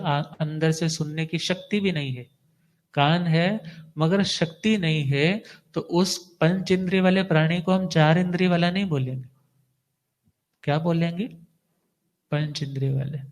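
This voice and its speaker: A man's voice: fairly high pitch, darkish tone. A man, a monk, giving a devotional discourse in a teacherly way, posing questions and answering them himself. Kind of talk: devotional sermon.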